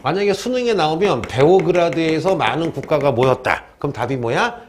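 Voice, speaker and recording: A man's voice: on the high side, animated, a little fast, a little hiss or hum. A man teaching a history class in a classroom, joking with students and asking questions he answers himself. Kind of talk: classroom lecture.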